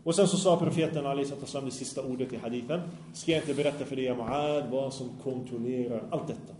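A man's voice: medium pitch, steady tone, mellow, echoey room, slight background noise. A man preaching an Islamic sermon to young people, earnest and often asking the audience questions.

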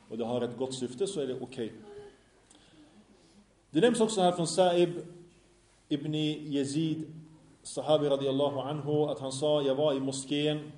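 A man's voice: medium pitch, dark tone, reverberant. A man teaching a religious lesson to a class in a small room, asking the students questions and then answering them himself. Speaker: Islamic teacher. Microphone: microphone in a small room.

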